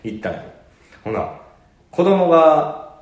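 A man's voice: fairly high pitch, takes it slowly, roomy sound. A man with a Kansai accent telling stories as co-host of a casual chat podcast, laughing often. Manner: storytelling, animated, laughs often.

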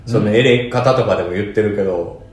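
A young man with a Kansai Japanese accent, chatting casually on a podcast with lively, joking banter and frequent laughs. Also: on the low side, brisk. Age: young adult. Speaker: podcast co-host, comedian. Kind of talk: casual chat. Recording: very echoey room.

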